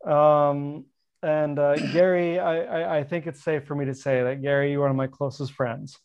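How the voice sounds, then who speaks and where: A middle-aged man with a slightly high voice hosts a casual podcast. His talk is natural and unscripted, friendly and self-deprecating. The recording is a bit dull and lo-fi. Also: fairly even intonation, normal speed, creaky, darkish tone, smooth. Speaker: podcast host interviewing a friend. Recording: dull lo-fi sound.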